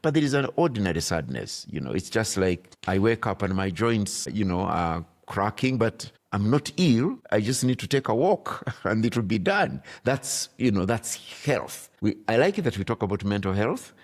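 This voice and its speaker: A man from Uganda with a low, deep voice. He talks like a bishop being interviewed on a podcast, slow to choose his words and weighing each thought as he goes. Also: sing-song. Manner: thoughtful, deliberate, searching for words. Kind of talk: reflective conversation.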